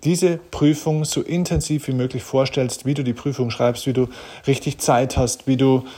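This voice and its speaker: A man's voice: mid-range voice, steady tone, normal speed, mellow. A man giving an earnest, direct motivational talk, answering questions and addressing the listener personally. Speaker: motivational speaker.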